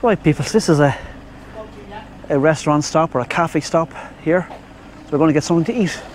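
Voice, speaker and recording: Talking a little fast in a higher-pitched voice, this man from Ireland vlogs his travels outdoors in rural Thailand on a lavalier mic, with a bit of hiss or hum audible. He's chatty and rambling, greeting viewers as "my friends."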